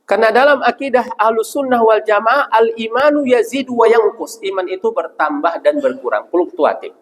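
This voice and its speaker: A man's voice: sits high, animated, moderate pace. A male ustaz giving a religious lecture to a congregation, putting questions to the listeners and answering them himself. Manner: addresses listeners as Pak. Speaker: ustaz preacher. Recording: long hall reverb.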